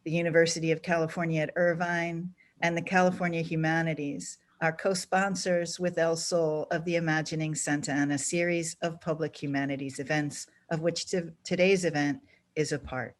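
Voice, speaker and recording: A woman's voice: low voice, flat delivery. Earnest woman hosting a video call. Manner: earnest, slightly halting, with small restarts. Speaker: program director and event host. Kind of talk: introducing speakers at an online event. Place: home or office on a video call.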